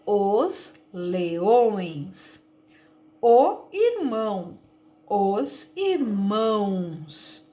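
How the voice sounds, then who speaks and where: A woman teacher with a Brazilian Portuguese accent, slowly and patiently sounding out words for young children in a recorded lesson. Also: fairly high pitch. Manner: slow, patient, sounds out words and stretches syllables. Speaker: primary school teacher.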